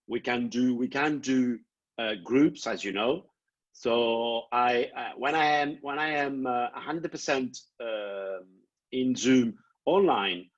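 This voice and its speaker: Over a laptop webcam video call with dull, lo-fi sound, a middle-aged Italian man fields questions from prospective students in an online Q&A. The programme director has a mid-range voice and an Italian accent, halting and repeating words while explaining.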